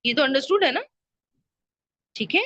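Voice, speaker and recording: A woman's voice: high voice, animated, bright, forceful tone, no echo. A woman teaching an Arabic grammar lesson. She patiently repeats her questions and checks that her students understand.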